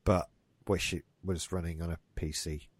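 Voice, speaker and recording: A podcast host chats casually about gaming news, rambling and swearing lightly while his nose gets stuffy. His low voice keeps a steady tone at normal speed, sounding slightly rough, with no echo.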